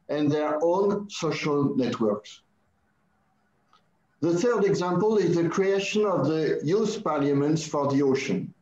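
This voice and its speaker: A man from France with a French accent giving a formal, measured conference speech to an audience. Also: on the high side, darkish tone, echoey room, dull audio. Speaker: conference speaker.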